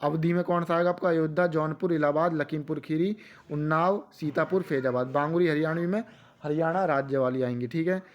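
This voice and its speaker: A man's voice: on the high side, a little fast. A man teaching an exam-prep lesson with a western Uttar Pradesh accent, asking quiz questions and answering them himself, repeating each answer for emphasis. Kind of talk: rapid quiz-style lecture.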